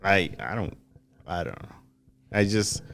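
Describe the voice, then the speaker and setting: Low-voiced, hesitant man from Chicago. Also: expressive, measured pace, creaky, fairly bright tone. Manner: hesitant, restarts often. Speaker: podcast co-host. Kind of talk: casual chat.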